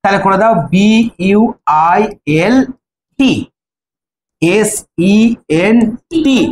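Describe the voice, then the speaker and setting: A woman's voice: mid-range voice, very slow, a little mellow, a little hiss or hum. A woman teaching an English grammar class in Bengali, spelling out verb forms letter by letter and checking with her students. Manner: spells words letter by letter, asks students questions. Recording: echoey room with faint ambience.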